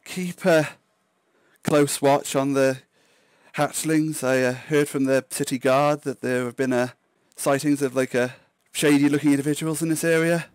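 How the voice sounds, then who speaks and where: A man voicing a tender, guarded female dragon mate with halting, soft-spoken delivery in a tabletop game. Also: on the high side, steady tone, clean tone, no echo, natural voice. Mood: quietly cautious.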